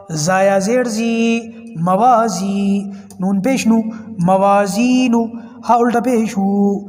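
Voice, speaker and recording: High-voiced man teaching slow spelling drills. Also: a little mellow, echoey room, in a large hall. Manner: slow drawn-out spelling drills between brisk explanations. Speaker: Quran reading teacher. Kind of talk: spelling lesson for learners.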